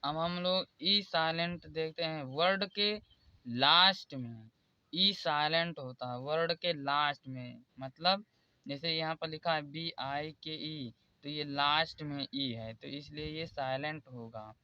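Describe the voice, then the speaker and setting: A man teaching English spelling rules in a slow, repetitive way and pointing out examples one by one. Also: on the high side, clean tone, no room sound, lo-fi sound. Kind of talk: explaining spelling rules in Hindi.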